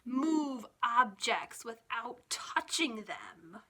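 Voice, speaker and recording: Her voice a little high, a female children's librarian reads aloud from a picture book with expressive, unhurried storytime delivery aimed at young listeners. There's a slight hiss or hum in the background.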